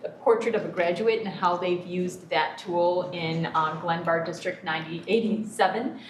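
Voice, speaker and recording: A woman superintendent speaking at a board meeting, deliberate and full of pauses and ums. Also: fairly low pitch. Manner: hesitant, many ums, deliberate. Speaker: school superintendent. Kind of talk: public board meeting remarks. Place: echoey board meeting room. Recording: echoey room, distant mic, faint noise.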